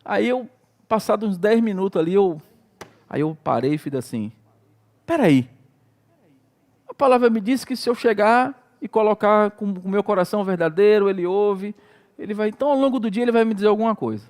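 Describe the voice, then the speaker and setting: Expressive and brisk, a middle-aged Brazilian pastor preaches in a relaxed storytelling way, voicing his own prayers and exclamations. His voice is pitched high for a man and a little mellow, with a clear Brazilian Portuguese accent.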